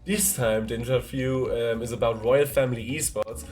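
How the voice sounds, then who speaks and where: A man's voice: medium pitch, fairly even intonation, moderate pace, darkish tone, faint music behind. A man casting a live esports stream, chatty and easygoing, with frequent "um" fillers. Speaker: esports caster.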